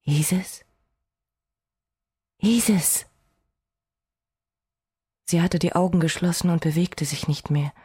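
A woman narrating a first-person fantasy audiobook, expressive with dry, wry asides. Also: lowish voice, a little fast, few pauses, husky.

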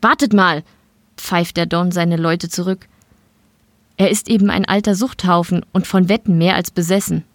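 A woman narrating a short story in an audiobook style, steady and matter-of-fact. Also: fairly low pitch, moderate pace, no room sound. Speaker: reader.

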